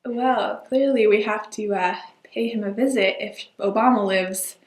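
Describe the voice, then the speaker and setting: A woman's voice: medium pitch, a little slow. Young woman student, casual rambling chat, roomy sound. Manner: chatty, rambling and self-deprecating.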